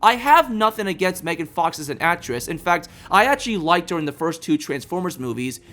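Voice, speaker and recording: A man's voice: on the high side, big pitch swings, fairly quick, fairly bright tone. A man hosting a video, delivering scripted review commentary.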